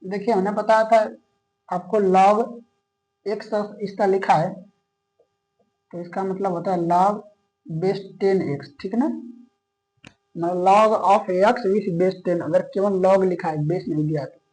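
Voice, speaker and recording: A man teaches maths in a slow classroom lecture, his high-pitched, slightly mellow voice fairly even in intonation and broken by frequent pauses. Patient and step-by-step, he mixes English maths terms into his speech and constantly asks "okay?" to check students are following. The recording is low quality.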